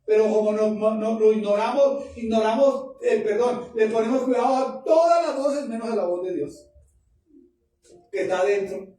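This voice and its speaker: In a church hall, a male pastor delivers a fervent, emphatic sermon packed with repetition, his voice high-pitched and dark in tone at a moderate pace. The recording is echoey, taken from a distant mic with faint noise.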